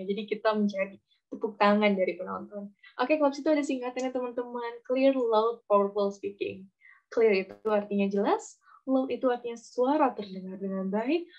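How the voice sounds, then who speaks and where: A woman teaching public speaking in a casual online lesson, talking in a chatty, lively way, tossing in English words and acting out examples. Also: on the high side. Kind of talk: casual webinar lesson with spoken demonstrations. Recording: dull lo-fi online audio.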